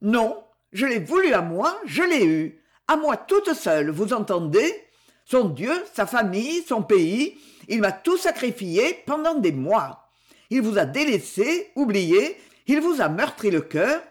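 A reader voicing a possessive young wife in an audiobook, who speaks in a low, calm and intense manner. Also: a little slow. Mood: triumphant. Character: cold, possessive young wife, quietly triumphant. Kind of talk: audiobook character reading.

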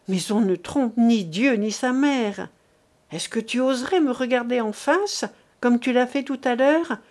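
A woman's voice: high voice, a little mellow. Woman reading frantic older mother, imploring, impassioned, raised voice, storybook. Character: desperate pleading older mother.

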